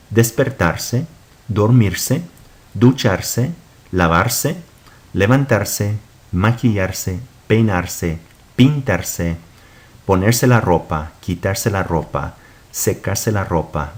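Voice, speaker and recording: A man teaching a recorded Spanish lesson, patiently explaining and repeating examples before translating them. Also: low-pitched.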